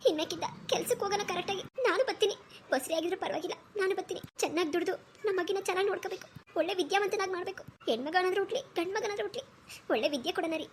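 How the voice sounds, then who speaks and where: A woman voicing a kind, pregnant young village wife in a cartoon story, speaking in a soft, caring, forgiving way. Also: very high voice, racing, background noise.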